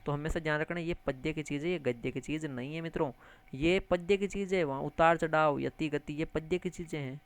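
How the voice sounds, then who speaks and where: Man, exam-prep teacher, gravelly and resonant, fairly high voice, repeats key terms. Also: fairly quick. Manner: animated, repeats key terms, calls listeners friends; mixes English words into lecture. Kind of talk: spoken exam-prep lesson.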